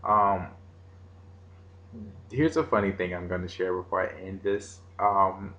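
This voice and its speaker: A man giving an informal meditation lesson in casual, halting, unscripted phrasing. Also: sits low, dull audio. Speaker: meditation teacher. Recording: roomy echo, faint background noise.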